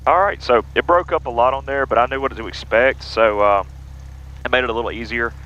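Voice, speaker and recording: Bright-voiced male pilot in a muffled cockpit. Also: medium pitch, fairly quick. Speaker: pilot and flight vlogger. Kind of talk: casual explanatory cockpit narration with radio calls. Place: small airplane cockpit. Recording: muffled cockpit audio with engine noise.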